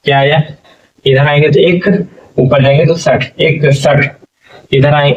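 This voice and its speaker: Male teacher, classroom lesson, slow and patient, keeps asking "okay?", distant muffled sound. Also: on the high side. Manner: patient, drawn-out syllables, frequent "okay?" checks.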